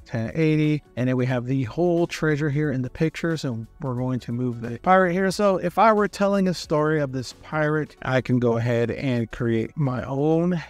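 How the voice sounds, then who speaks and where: A man talking through a software tutorial at an easy, steady pace. His voice sits in a middle pitch and is recorded dry and close. He explains each click in a friendly, matter-of-fact way. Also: normal speed, hardly any pauses, no echo, faint music behind. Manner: relaxed, step-by-step, friendly explaining.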